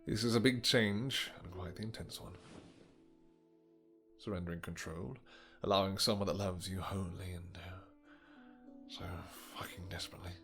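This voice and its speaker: Man performing as lovesick vampire king, echoing hall, faint music, deep voice, archaic and commanding, possessive, romantic roleplay. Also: fairly even intonation, a bit bright. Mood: coaxing, restrained. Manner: formal, archaic, halting endearments, commanding. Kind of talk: romantic fantasy audio roleplay, intimate.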